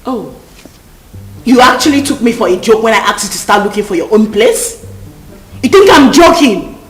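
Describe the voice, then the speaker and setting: An actress playing an angry, domineering Nigerian woman who scolds with sharp questions in a film drama. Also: fairly high pitch, sing-song, normal speed, echoey room, faint music behind, low-quality recording. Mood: stern, contemptuous. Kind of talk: Nollywood film acting.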